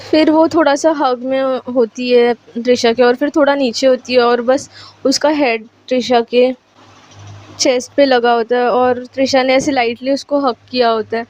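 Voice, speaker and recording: A woman's voice: on the high side, darkish tone. A woman narrating a story in a casual, chatty way, slipping English words into her speech, in a lo-fi recording.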